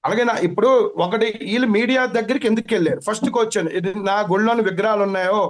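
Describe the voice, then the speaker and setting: A man with a Telugu accent talks in a high, rapid rush. He repeats himself as he hurries to lay out his complaint to the interviewer. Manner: urgent, repetitive, rushing to explain. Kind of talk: agitated phone-in complaint.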